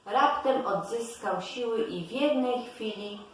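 A woman reads a fairy tale aloud at an unhurried, careful pace, like a storybook narrator. Her voice comes from some distance off in a very echoey room. A faint hiss sits underneath. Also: fairly high pitch. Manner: slow, deliberate storytelling delivery.

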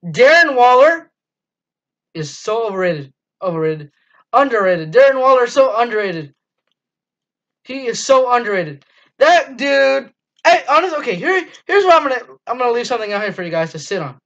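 This is a teenage fan channel host doing a casual postgame review monologue in a small dim room. His extremely high-pitched voice is very animated and a bit bright, moving at normal speed, with many ums and restarts amid the enthusiasm. Audio comes from a dull, lo-fi webcam.

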